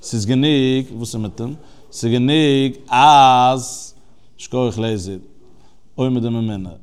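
In an unhurried, clean-toned voice at a normal male middle pitch, a religious teacher walks through scripture phrase by phrase, explaining each Hebrew term. His text study delivery is conversational, with fillers and restarts along the way.

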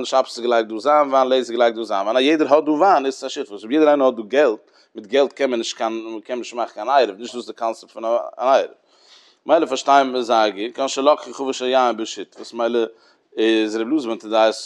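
A man at a mid pitch giving a religious study lecture. He talks things through with repeated phrases and homely examples, and sprinkles English terms into his explanations. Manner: repetitive, explaining with everyday examples. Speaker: Talmud teacher.

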